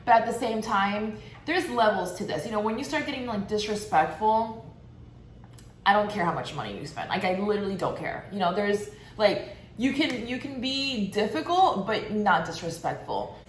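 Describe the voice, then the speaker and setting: A woman's voice: mid-range voice, expressive, moderate pace. A young woman vlogger telling a story in a casual monologue, candid and blunt, with profanity and sarcastic asides. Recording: echoey room with faint ambient noise.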